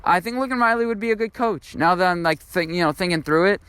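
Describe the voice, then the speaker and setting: A man's voice: sits high, fast talker, a bit bright, smooth, no room sound. A young man giving an unscripted football commentary monologue, rambling and thinking aloud with frequent fillers and restarts. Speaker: sports video host.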